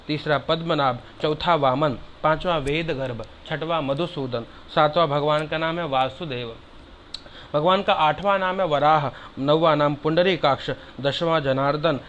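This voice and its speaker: A man's voice: fairly high pitch, highs cut off, a little hiss or hum. A man giving a devotional discourse, explaining sacred verses in plain speech and calling his listeners brother. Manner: chants Sanskrit verses slowly and loudly between plain explanation; addresses listeners warmly as brother. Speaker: religious teacher.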